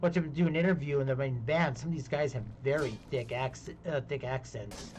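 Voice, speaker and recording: A man's voice: mid-range voice, brisk, a little mellow, slight background noise. A man chatting casually while playing a game on a live stream, rambling between topics and laughing easily. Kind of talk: casual gaming chat.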